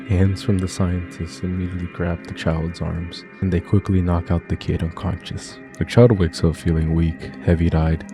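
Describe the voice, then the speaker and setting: A man reading scripted horror story narration as a YouTube narrator, in a steady, even retelling. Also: low voice. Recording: music playing behind.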